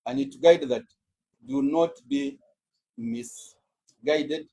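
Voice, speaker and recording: A man argues before a judge as state counsel, speaking in a measured, deliberate courtroom manner. His voice is mellow and slightly husky, steady at a middle pitch. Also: low-quality recording. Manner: measured, deliberate legal oratory. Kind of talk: formal courtroom submission.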